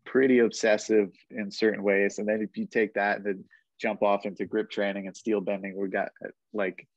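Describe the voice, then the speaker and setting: Man, podcast host, casual rambling chat, fond of "like", lowish voice, dry dull recording. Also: moderate pace, no room sound. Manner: rambling, heavy use of "like", relaxed.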